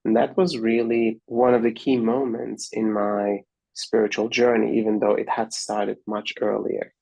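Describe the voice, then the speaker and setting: A man from Austria, a guest on an interview show, telling his story in an earnest, measured and searching way. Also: fairly low pitch, little pitch movement, creaky, darkish tone, no echo, highs cut off.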